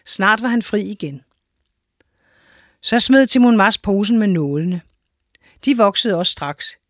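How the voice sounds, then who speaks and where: A woman reading a children's story aloud in a clear, measured storytelling manner. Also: mid-range voice, animated, no echo, studio quality. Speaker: narrator.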